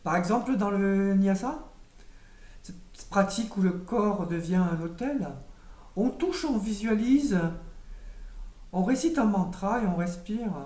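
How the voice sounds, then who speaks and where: A woman giving a spiritual teaching in a calm, measured, meditative way, with occasional hesitations. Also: medium pitch. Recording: roomy echo, voice from a distance.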